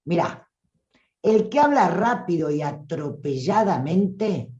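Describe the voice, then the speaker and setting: A woman with a Rioplatense Spanish accent, a voice coach giving an animated live-streamed talk who acts out voices and calls listeners "tribu". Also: lowish voice, takes it slowly, echoey room, muffled recording.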